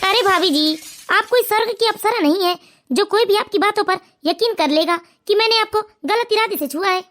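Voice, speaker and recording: A woman's voice: very high-pitched, brisk, fairly bright tone. A woman voicing a smug, sleazy young son-in-law in a cartoon, with a mocking, scornful manner. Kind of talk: cartoon voice acting.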